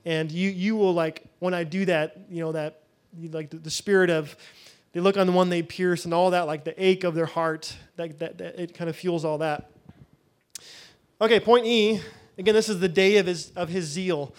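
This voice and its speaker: High-voiced man teaching informally. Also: fairly even intonation, normal speed. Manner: loose, conversational, thinks aloud mid-sentence. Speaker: bible teacher.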